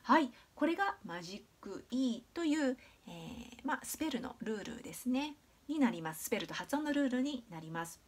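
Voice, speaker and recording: A Japanese woman teaching English pronunciation in a video lesson, patient and clear, demonstrating sounds slowly with many drawn-out fillers. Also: a little high, big pitch swings.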